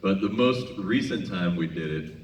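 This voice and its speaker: The deep-voiced singer, an American from Minnesota, addresses the concert audience between songs with conversational, funny stories, pausing on purpose before each punchline. It's a large casino venue, and the recording has an echoey live-hall feel with distant, noisy PA sound.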